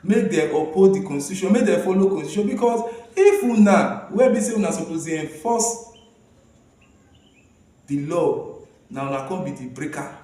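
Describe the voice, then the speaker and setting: A Nigerian man with a fairly high voice chats in Nigerian Pidgin as co-host of a civic programme. The room rings with heavy echo, and he sounds set back from the microphone. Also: expressive, moderate pace, mellow. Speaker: co-host of a citizens' rights programme. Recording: very echoey room, distant from the mic.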